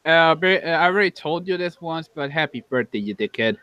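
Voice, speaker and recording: A man's voice: a little high, lively intonation, a little fast, bright, forceful tone, clean tone, no room sound, dull audio. A man on a casual podcast call, brash and mocking.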